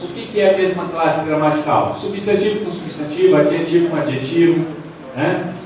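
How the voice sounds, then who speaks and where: A man's voice: fairly high pitch, moderate pace, darkish tone. Man lecturing in an echoey hall. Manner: explanatory, asks the audience questions, points at slides. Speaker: poetry lecturer. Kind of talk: classroom lecture with slides. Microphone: distant from the mic. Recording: echoey hall, distant mic, faint room noise.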